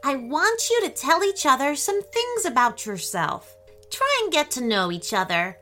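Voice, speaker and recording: A woman voicing a cheerful mermaid schoolteacher who speaks in a high, sing-song, welcoming way. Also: sing-song, unhurried, bright, forceful tone, faint music behind, full character voice.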